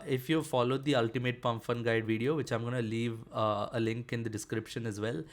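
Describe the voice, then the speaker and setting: A man talks through a software tutorial at an ordinary mid pitch. His delivery is relaxed and conversational, with lots of small fillers and restarts as he clicks through a demo. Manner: casual, filler-heavy explaining with frequent "uh" and "basically". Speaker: developer tutorial presenter. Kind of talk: screen-share coding tutorial.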